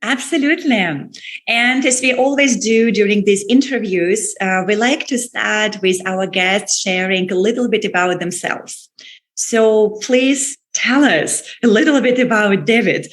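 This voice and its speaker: A woman hosting a podcast, opening with a slow, soft scripted intro and then interviewing a guest. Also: medium pitch. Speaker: podcast host.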